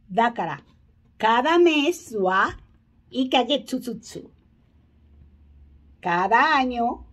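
A middle-aged woman with a husky voice, giving a language lesson to camera as a teacher, drawing out example phrases deliberately. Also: a little high, a little mellow. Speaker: Spanish teacher. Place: small indoor home office.

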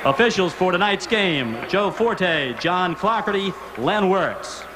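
Male arena PA announcer, high register, echoing stadium delivery, formal and measured, noisy crowd behind. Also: expressive. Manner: measured announcing, names set apart. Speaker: arena public address announcer. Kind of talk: formal starting-lineup announcement. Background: loud basketball crowd.

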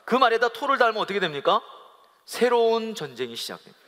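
A male pastor with a high, ringing voice gives a lively sermon. He mixes humor and playful acting-out of couples' quarrels, and leads the congregation in call-and-response. His voice carries through the long reverb of a large worship hall. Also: fast. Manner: humorous, acts out quoted couple dialogue.

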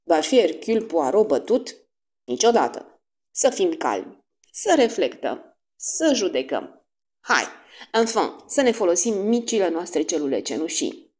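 A woman's voice: lowish voice, big pitch swings, darkish tone. A woman voicing a fussy, vain middle-aged male detective, theatrical and fond of French exclamations, in a storybook reading. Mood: scheming.

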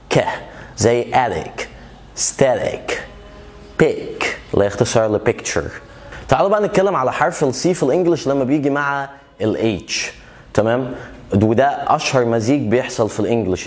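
Male teacher with an Egyptian Arabic accent, mid-pitched, runs a pronunciation lesson and drags out sample words slowly. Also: darkish tone. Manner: explains, then repeats example words slowly. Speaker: English teacher.

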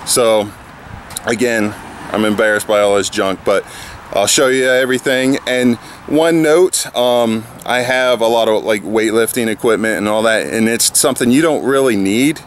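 A fitness vlogger in his thirties chats in a relaxed, rambling way with fillers, filming on a handheld camera held at arm's length outside his house and then in his garage. His voice is lowish at a normal speed, with slight background noise.

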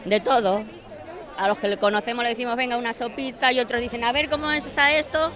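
A middle-aged woman at an outdoor street festival answering a reporter's handheld mic, listing things slowly and plainly. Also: on the high side, steady tone, a crowd in the background. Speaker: festival participant. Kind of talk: casual interview answers.

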